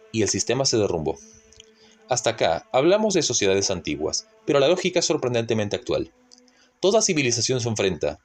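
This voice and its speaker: A man narrating a scripted history essay in a measured, didactic way, posing rhetorical questions. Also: medium pitch.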